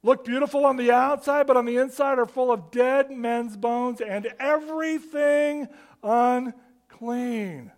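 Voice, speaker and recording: A man preaching a sermon, with quick rhetorical questions and humorous asides, dropping to a hush on key words. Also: very high-pitched. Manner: rises and falls for emphasis, drops to a hush on key words. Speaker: pastor.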